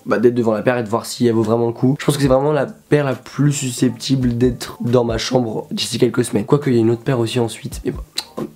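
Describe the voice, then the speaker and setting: A young man from France talks through a casual sneaker vlog, chatty and slangy, full of fillers and asides. His voice is mellow and relaxed, at an ordinary middle pitch, and he sounds a little under the weather. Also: brisk, soft background music. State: sick. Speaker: YouTuber.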